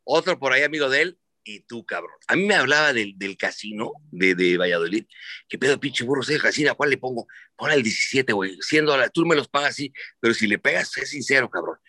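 A man with a Mexican Spanish accent, telling sports stories in casual chat as host, animated and profane, acting out the voices he quotes. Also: medium pitch, a little fast, no room sound.

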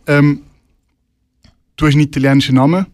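A man hosting an interview, attentive and quick with short affirmations. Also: on the high side, fairly even intonation, a little mellow, dry recording, clean studio sound. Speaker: interview host.

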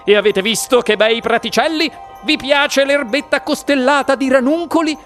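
A man's voice: very high voice, normal speed, fairly bright tone, faint music behind, pitched above the performer's own voice. A man reading the part of an eccentric, enthusiastic chocolate maker in an audiobook, coaxing and showy. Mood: exuberant.

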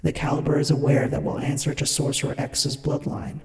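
A man's voice: a little high, steady tone, fairly quick, vocal fry, a little mellow. A man voicing many beings speaking in unison, reciting a classified file. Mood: recited. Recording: far, echoey long reverb.

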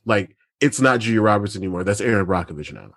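Low-voiced man, emphatic chatter. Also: animated, fast, fairly bright tone, dry recording, studio quality. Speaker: podcast co-host. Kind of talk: casual chat.

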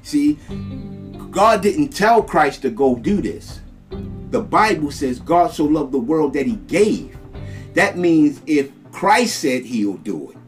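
A male preacher delivers a slow, emphatic sermon and keeps circling back to repeat his points. His voice sits a little high for a man. Soft guitar plays faintly behind him. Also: big pitch swings.

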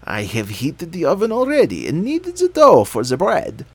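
A man voicing a shrill wicked old witch. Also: wildly swooping pitch, moderate pace, husky, dry recording, full character voice. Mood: scheming. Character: wicked old witch, cruel, hungry, half-blind.

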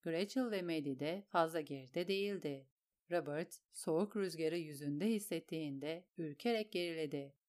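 A woman narrating an audiobook with a steady, descriptive reading. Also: sits low, normal speed.

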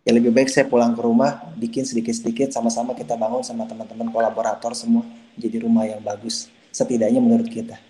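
A man's voice: medium pitch, little pitch movement, fast talker, dark tone. A man, a doctor and researcher, talks casually as a podcast guest, explaining at length with small restarts and hedges. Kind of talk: casual conversational interview.

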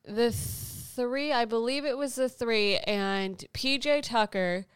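A woman's voice: fairly high pitch, slow pace, clean tone, no echo. A woman co-hosting a casual sports betting talk show, chatty and teasing with a fan's enthusiasm. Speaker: co-host.

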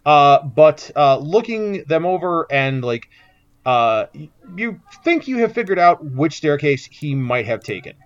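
A man's voice: fairly high pitch, sing-song, unhurried. A man running a tabletop game as game master, narrating the action descriptively with lots of fillers, recorded with dull lo-fi sound.

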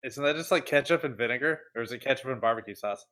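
A man's voice: mid-range voice, quick pace, bright, forceful tone. A man co-hosting a casual gaming podcast, teasing the others and rambling on with lots of ums. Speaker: podcast co-host.

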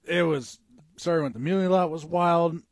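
A man's voice: on the high side, fairly even intonation, moderate pace, no room sound, clean studio sound. A man co-hosting a casual sports talk show, laid-back, swearing and rambling in loose sentences. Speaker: podcast co-host.

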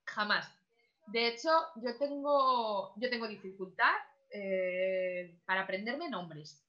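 A woman's voice: medium pitch, slow, dull audio. A woman speaking as a guest in a casual podcast chat, chatty, with many fillers and frequent laughs.

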